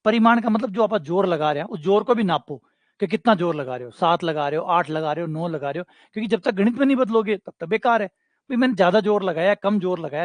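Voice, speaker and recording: A man with a Rajasthani accent runs an online maths coaching class for exams, chatting, cracking jokes and drifting into local dialect. His voice is high and the recording has no room sound.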